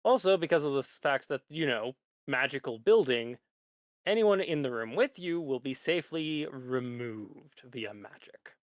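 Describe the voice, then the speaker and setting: Man playing a measured undead lich professor, dry close sound. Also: medium pitch, expressive, no echo, lightly acted. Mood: instructive, reassuring. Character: lich professor in a metal mask, calm, instructive.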